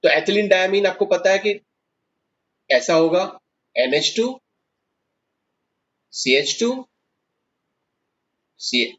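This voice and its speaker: A male chemistry teacher with a fairly high voice lectures at the board, working through each step and asking his students questions as he goes. The recording is dull and lo-fi. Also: lively intonation, drawn-out words, long pauses, a bit bright.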